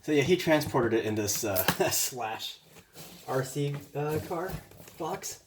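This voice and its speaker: A man's voice: a little high, animated, takes it slowly, background noise. A man hosting a casual unboxing vlog, chatty and loose, with lots of fillers, moving around the camera mic as he works. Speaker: vlogger.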